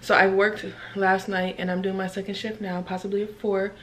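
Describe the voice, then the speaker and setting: Young woman, rambling at-home vlogger, monotone delivery. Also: mid-range voice, moderate pace. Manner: chatty, rambling, many fillers. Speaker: vlogger, night-shift NICU nurse. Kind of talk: casual chat to camera.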